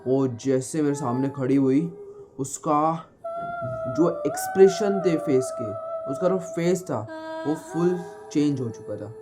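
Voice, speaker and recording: A man's voice: on the high side, slow pace. A man casually retelling a scary personal experience as the host of his own channel, rambling with many restarts. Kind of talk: casual spoken horror storytelling. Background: loud background music.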